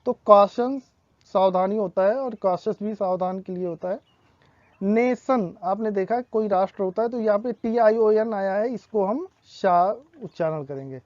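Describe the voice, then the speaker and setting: A woman's voice: mid-range voice, darkish tone, dry recording, lo-fi sound. Patient woman teaching pronunciation. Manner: patient, repeats each example slowly. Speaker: English teacher. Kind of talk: explaining pronunciation rules.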